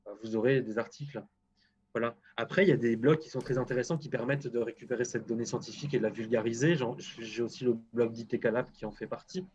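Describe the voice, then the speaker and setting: French guy on a stream, blunt, keeps restarting, mid pitch, dull lo-fi audio. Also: fairly even intonation, quick pace, a little mellow. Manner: blunt, self-deprecating, lots of restarts. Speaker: agroclimatologist guest. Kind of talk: live-stream interview.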